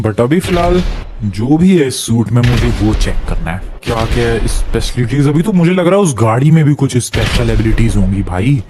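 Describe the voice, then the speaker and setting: Excitable man giving gameplay commentary. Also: on the high side, background noise. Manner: excitable, mixes Hindi and English, talks to viewers as friends. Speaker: gaming video creator. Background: game music and gunfire.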